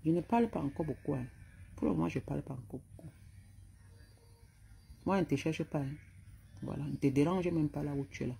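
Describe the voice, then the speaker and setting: A woman's voice: low voice, a little fast, vocal fry, pauses often, mellow, a little hiss or hum. A middle-aged woman with a Cameroonian French accent, scolding and insulting someone in a heated rant to camera. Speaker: vlogger.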